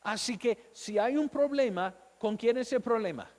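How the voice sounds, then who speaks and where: A man's voice: very high voice, normal speed, darkish tone, in a large hall. A man preaching a sermon as a pastor, telling his own story, asking rhetorical questions and acting out the voices of doubters.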